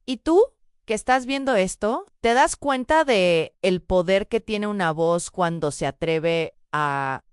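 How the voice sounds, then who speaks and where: A woman narrating a first-person testimony in a solemn, measured storytelling voice, sometimes turning to address the listener directly. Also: medium pitch, animated, smooth, no room sound, clean studio sound.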